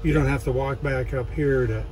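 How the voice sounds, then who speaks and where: A man's voice: mid-range voice, steady tone, moderate pace. A middle-aged man casually walking through a new camper van's features step by step, recorded on a phone in a big factory bay. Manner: plainspoken, explains step by step. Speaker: factory walkthrough guide. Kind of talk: casual demonstration. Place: large indoor factory bay.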